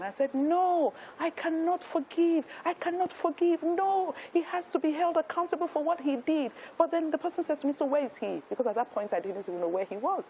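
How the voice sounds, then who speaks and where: A woman's voice: high voice, a little mellow, a little hiss or hum, low-quality recording. A Nigerian woman in her fifties, a talk show guest telling her life story in an earnest, emphatic way, with frequent restarts. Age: 50s.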